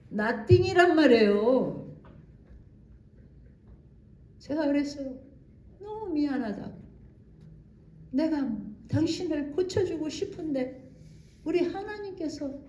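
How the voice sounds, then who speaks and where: Lively high-voiced woman missionary speaking. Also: a little hiss or hum. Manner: animated storytelling with acted quotes and laughter. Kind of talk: special lecture at a church. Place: church hall. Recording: echoey church hall.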